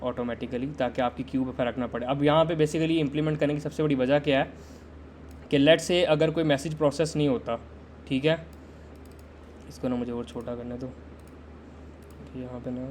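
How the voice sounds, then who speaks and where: Male tech instructor for a live lesson. Conversational and steady with little pitch movement. Keeps putting questions to the viewers. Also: normal speed, pauses often, slight background noise. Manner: conversational, quizzes viewers and waits for chat answers. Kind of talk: live-streamed system design lesson.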